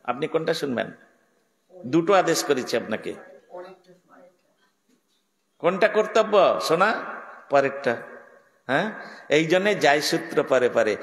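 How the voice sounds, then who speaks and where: A man's voice: fairly high pitch, big pitch swings, measured pace, vocal fry, long pauses. A middle-aged monk giving a sermon, talking to his listeners in a conversational way and often asking them questions. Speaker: monk preacher. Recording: echoey hall with long reverb.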